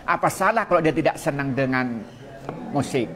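A man's voice: a little high, animated, normal speed, a bit bright. A man from Madura giving a casual religious lesson. He asks his listeners questions, answers them himself, and reads out Arabic quotations. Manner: mixes Arabic quotations into the talk. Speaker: Islamic religious teacher.

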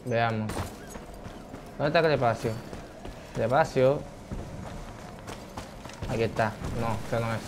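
A man's voice: mid-range voice, slow pace, long pauses, noisy background. A man giving chatty gameplay commentary as a streamer, thinking aloud. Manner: chatty, thinks aloud, shouts when surprised. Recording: game gunfire behind voice.

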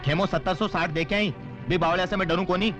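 A man's voice: high-pitched, steady tone, quick pace, music in the background, natural voice. An actor playing a boastful, defiant village man with a Rajasthani accent, talking in a brash, swaggering way.

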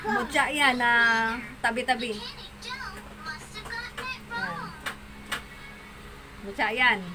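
Animated high-voiced woman, noisy background. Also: extremely slow. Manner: animated and mocking, with frequent laughter. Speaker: online seller of stones and amulets. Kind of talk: casual live-stream selling talk.

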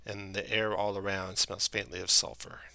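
A man's voice: low voice, little pitch movement, moderate pace, vocal fry, sharp tone, dry recording. A man narrating a tabletop game as game master, describing scenes and sometimes correcting himself.

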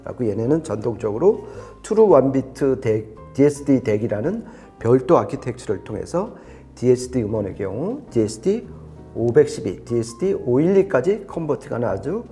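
Soft background music accompanies a man reviewing audio gear off the cuff, explaining the specs in an emphatic, conversational way. He speaks fairly quickly in a medium-pitched, sing-song, mellow voice.

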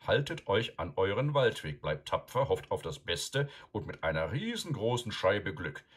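A man voicing an old male wizard who lectures loudly and sternly, with a deep, husky voice. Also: big pitch swings, normal speed. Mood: stern, lecturing. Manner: loud, admonishing, emphatic.

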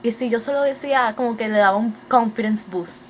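A woman's voice: a little high, slight background noise. Hyper young Puerto Rican woman vlogging. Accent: Puerto Rican Spanish. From Puerto Rico. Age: young adult. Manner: hyper, rapid, mixes English into Spanish. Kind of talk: casual chat video update.

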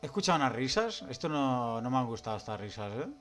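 A scared horror game streamer, a man with a Castilian Spanish accent, comments casually as he plays. He is jumpy and nervous, muttering and exclaiming in a mid-pitched voice. Game music plays faintly behind him. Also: expressive, fast talker, fairly bright tone. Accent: Spanish from Spain. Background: video game music.

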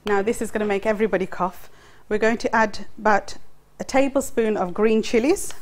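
This middle-aged woman talks fairly quickly with fairly even intonation in a mid-range voice, hosting a cooking demonstration in a studio kitchen. Her lapel mic picks up a faint clatter of pots and utensils as she explains each step.

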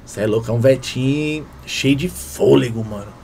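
A man hosting a music reaction video, talking casually and excitedly in heavy slang. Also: medium pitch, moderate pace, vocal fry, slight background noise. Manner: excited, slangy, keeps saying "mano". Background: hip hop track playing faintly.

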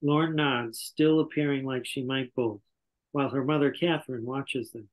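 At a table read over a video call, an older man indoors narrates the scripted stage directions in a medium-pitched voice, steady in tone and moderate in pace. The recording, made on the video call microphone, is rough.

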